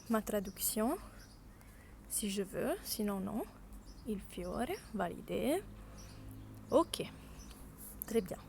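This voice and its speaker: A workshop leader, a woman whose native tongue is Italian, shows learners how to use an app step by step, narrating her clicks with small pauses of hesitation. She has a mid-range, gravelly, somewhat mellow voice, and there's a bit of hiss or hum.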